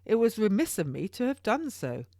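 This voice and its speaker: For an audiobook, a woman plays a pompous, theatrical English king, pitching her mid-range, darkish voice above her natural one and swinging it widely at normal speed. He declaims grand, exclamatory, archaic courtly lines, grandly effusive. The studio recording is clean and dry.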